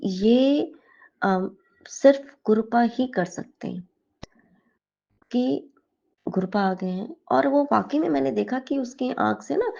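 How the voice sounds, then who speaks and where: A woman's voice: on the high side, gravelly. A woman giving a prayerful devotional talk, sharing a blessing with her congregation in an earnest storytelling manner and often speaking directly to her guru. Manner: earnest storytelling with gentle hesitations. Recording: dull lo-fi audio.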